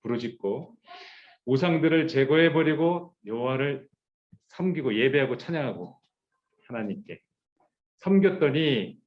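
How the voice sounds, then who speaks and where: A male pastor gives a sermon to a youth group, animated and telling the story with a lot of expression. His voice sits in the middle range. The recording sounds dull and lo-fi. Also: medium pitch, measured pace, pauses often. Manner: animated, acting out quoted voices, leading group reading.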